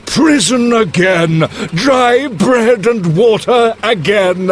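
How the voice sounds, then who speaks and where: A man's voice: high voice, expressive, slow, soft background music, pitched above the performer's own voice. Man putting on a squealing boastful Toad. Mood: dismayed. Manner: squealing, boastful, self-mocking. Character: boastful vain male toad, excitable.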